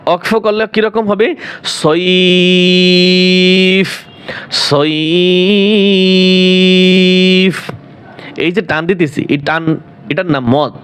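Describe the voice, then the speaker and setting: A man with a Bangladeshi Bengali accent teaching Quran recitation online, spelling out letters and vowel marks and then slowly drawing out each recited word. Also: on the high side. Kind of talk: online tajweed lesson.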